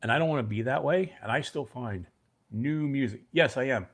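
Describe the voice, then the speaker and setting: Hosting a laid-back livestream, this middle-aged man from Brooklyn speaks briskly in a mid-range voice, his accent a mix of New York and New Jersey. He wanders from topic to topic, addressing chat viewers by name.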